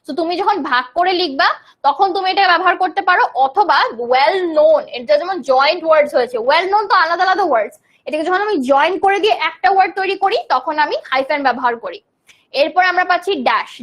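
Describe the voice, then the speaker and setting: Her voice high, clear and a bit bright, a young woman from Bangladesh teaches English grammar in a live online class. Each term gets a patient explanation in Bengali, and she reads out students' comments and responds as they come in.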